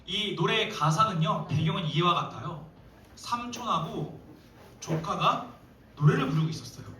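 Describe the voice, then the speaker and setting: A man's voice: high-pitched, normal speed, bright, forceful tone, a little hiss or hum. A young man, a youth pastor, preaching a playful, joking sermon to teenagers in a church hall. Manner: playful, joking, addresses teens directly. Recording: echoey hall, mic far off.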